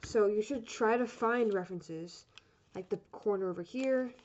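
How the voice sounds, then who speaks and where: A mid-range, moderately paced woman teaches origami in a casual, step-by-step way. Rambling and chatty, she tends to apologize and revise what she just said. The recording is lo-fi and dull, with continuous noise.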